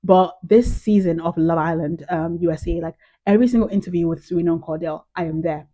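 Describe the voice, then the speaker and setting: A young British woman vlogs in casual chat, gushing and peppering her talk with "like" and "um". Her voice sits a little low, with a warm, mellow tone. She talks straight to camera. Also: brisk. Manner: chatty, gushing, heavy use of "like" and "um". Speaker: vlogger.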